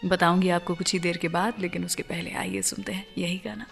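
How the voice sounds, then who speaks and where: Over a bed of background music, a radio presenter with an Indian accent shares stories conversationally, emphatically addressing her listeners. Her voice is on the low side and gravelly, with fairly even intonation and a slightly fast pace.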